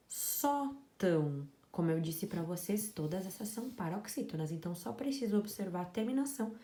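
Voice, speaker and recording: A woman teacher giving a slow, explanatory grammar lesson and stressing each example word. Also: fairly low pitch, mellow.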